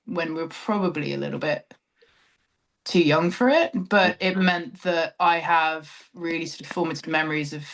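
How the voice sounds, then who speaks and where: In a conversational interview, a woman in her thirties from London, a theatre director, recalls her past with a reflective, self-mocking air, working her thoughts out as she talks. She has a southern English accent and a fairly bright voice that sits low.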